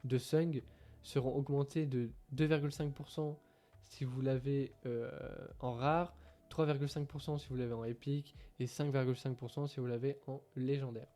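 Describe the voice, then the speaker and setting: A man's voice: mid-range voice, fairly even intonation, moderate pace, warm tone. A man casually reading game patch notes aloud, hesitant and full of fillers, who says English is not his strong point. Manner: hesitant, many fillers, reads translated text aloud. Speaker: gaming streamer.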